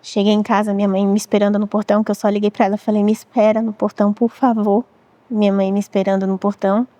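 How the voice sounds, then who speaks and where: A Brazilian woman in her thirties shares a painful personal story as an interview guest, speaking in a measured, reflective way and often repeating what she said back then. Her voice is warm and mellow, and the recording is dry and close. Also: medium pitch, flat delivery, no echo. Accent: Brazilian Portuguese. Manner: measured, reflective, often quoting her own past words. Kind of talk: emotional personal testimony.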